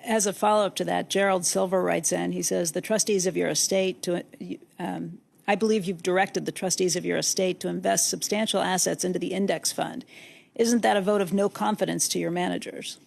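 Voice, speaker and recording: A woman in her forties, moderating a shareholder Q&A, reads questions aloud in a measured way at a desk mic on a stage set. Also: on the low side, steady tone, vocal fry, darkish tone. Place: stage set with curtain backdrop. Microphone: desk microphone.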